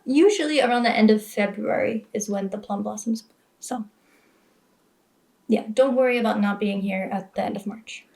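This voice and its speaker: A woman at an ordinary mid pitch, hosting a casual sit-down chat. She talks in a loose, explaining way, full of little fillers. She sounds easygoing and conversational. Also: normal speed, gravelly, darkish tone. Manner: chatty, explanatory, filler-heavy. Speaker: host.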